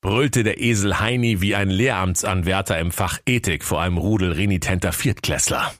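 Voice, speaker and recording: A man narrating a comic fairy tale in a dry, deadpan way. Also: deep voice, moderate pace, no room sound.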